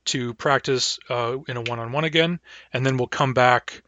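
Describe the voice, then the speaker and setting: Man lecturing with many uh pauses. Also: mid-range voice, pushed and bright, highs cut off. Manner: halting, frequent uh fillers. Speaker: language teacher. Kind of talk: online class lecture.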